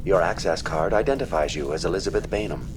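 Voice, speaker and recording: A man voicing a calm, polite computer terminal AI in a video game, speaking in a formal, bureaucratic way. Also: low-pitched, quick pace, background noise, close to an everyday voice. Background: game music.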